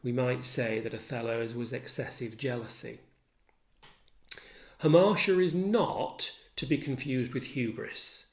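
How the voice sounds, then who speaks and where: In an echoey, roomy recording, a mid-voiced man lectures in the role of an English literature tutor. He explains things in a careful, formal manner, choosing his words precisely and now and then adding an aside.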